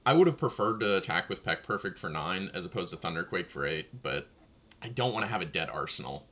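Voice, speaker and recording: A man casually commentating his own card game match, thinking aloud and talking to his opponent, his voice low and slightly gravelly. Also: expressive, a little fast, a bit bright, muffled recording.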